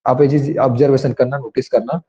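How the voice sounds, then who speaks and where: A man teaching grammar in an online class, explaining slowly and asking students to raise their hands. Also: medium pitch, level tone, mellow. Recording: dull lo-fi sound.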